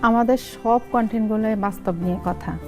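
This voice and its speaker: A woman's voice: a little high, fairly quick, soft background music. A middle-aged woman with a Noakhali accent, a guest chatting in an interview and acting out family dialogue as she tells stories. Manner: lively storytelling, acts out family dialogue. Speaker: content creator guest. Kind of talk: casual interview talk.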